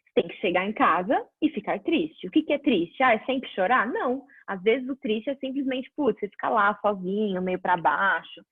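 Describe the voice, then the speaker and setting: A woman's voice: mid-range voice, normal speed, breathy edge, dry recording. Woman teaching over a tinny line. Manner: conversational, answers viewer questions, lively examples. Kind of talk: casual online class. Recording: dry phone-like audio.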